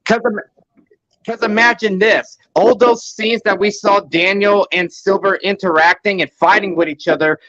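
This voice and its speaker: A high-pitched man from California chats casually, tripping over and repeating his words. His tone is bright and edgy. The sound is dry and a bit dull. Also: fairly even intonation, no room sound. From Bay Area, California. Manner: halting, repeats words, laughs easily. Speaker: co-host. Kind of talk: casual chat.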